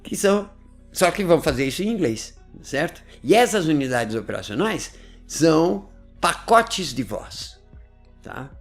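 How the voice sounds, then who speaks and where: A man gives a relaxed explanatory talk, his voice gravelly with fry. His pitch swings widely as he talks, and soft music plays faintly underneath. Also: measured pace. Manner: chatty, laughs often, keeps checking in with "né?" and "tá?". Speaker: host explaining language learning.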